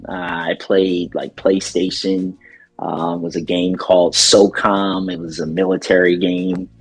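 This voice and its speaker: A middle-aged man talking casually in an interview about his radio work, relaxed and rambling, with plenty of ums. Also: sits low, a little slow, breathy edge, soft background music. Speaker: DJ and radio station owner.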